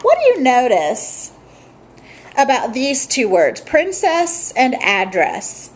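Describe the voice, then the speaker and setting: Female teacher, slightly high voice, unhurried and patient, for a children's phonics video lesson. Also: wildly swooping pitch, a little hiss or hum. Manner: slow, patient, clearly sounding out letters and words.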